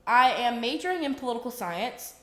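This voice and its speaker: A young American woman co-hosts a podcast with casual, emphatic talk. Her voice sits slightly high, and the room around her is noticeably echoey. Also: animated, fairly quick, bright, forceful tone. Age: early 20s. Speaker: podcast co-host. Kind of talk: casual chat. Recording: roomy, echoing room sound.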